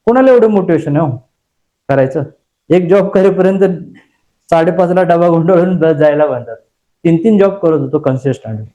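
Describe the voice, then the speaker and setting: A man leading a motivational class session, his voice pitched high but mellow in tone. He talks emphatically and drives his points home with rhetorical questions to the room. He weaves in personal stories, acting out his own inner voice as he goes. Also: lively intonation, brisk, highs cut off. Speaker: course trainer.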